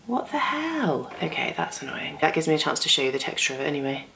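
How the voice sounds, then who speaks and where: A woman's voice: sits low, little pitch movement, racing, creaky, bright, forceful tone. A young woman chatting casually in a home vlog, rambling and self-deprecating. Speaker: vlogger.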